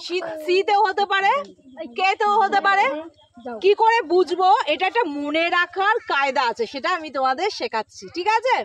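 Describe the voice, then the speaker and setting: A woman's voice: very high-pitched, moderate pace, a bit bright. A woman teacher giving a spoken pronunciation lesson, repeating sounds and patiently quizzing her pupils for answers. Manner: patient, coaxing.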